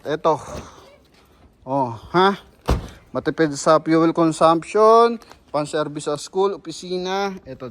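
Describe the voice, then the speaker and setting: Chatty Filipino car salesman, higher voice. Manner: chatty, addresses viewers as "mga boss". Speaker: used car sales presenter. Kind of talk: casual walkaround sales pitch.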